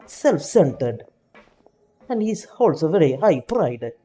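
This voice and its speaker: A female live streamer plays a game while voicing a vain, prideful male French stage magician who calls himself great, using a put-on French accent and pompous, casual chatter. Her voice is deep, warm, and sing-song, she takes it slowly, and soft music plays underneath.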